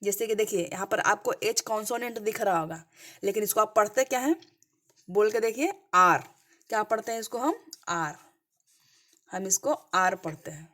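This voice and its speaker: A woman's voice: mid-range voice, a little fast. Woman teacher, slide-based grammar lesson, quizzes her students and answers her own questions, checks in with them constantly. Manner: asks the class questions and answers them herself; checks in often with "clear?" and "okay".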